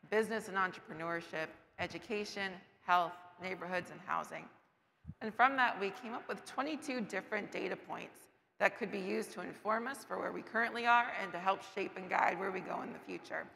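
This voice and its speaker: Woman panelist, hoarse, bright tone, echoing market hall, faint hum. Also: medium pitch. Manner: earnest presenter walking through slides. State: losing her voice. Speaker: panelist presenting data. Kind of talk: public talk. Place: large covered market shed. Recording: distant voice with long hall reverb.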